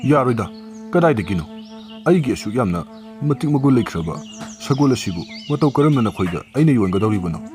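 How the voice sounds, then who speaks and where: Over background music, a man acts out a humble but crafty village cobbler in a storybook tale, pleading and sly in a persuasive way. He speaks at a racing pace in a mid-range, natural voice with big swings in pitch.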